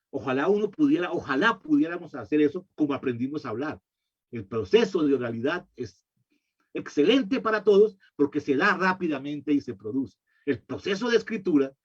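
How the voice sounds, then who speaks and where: A man's voice: a little high, breathy edge. A literacy educator giving a slide-based lecture, explaining step by step and answering his own rhetorical questions. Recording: dull lo-fi recording.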